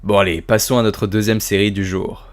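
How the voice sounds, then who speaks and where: A man's voice: on the low side, little pitch movement, fairly quick, background noise. A man hosting his own video review, talking casually about horror series with swearing, self-mocking asides and enthusiasm.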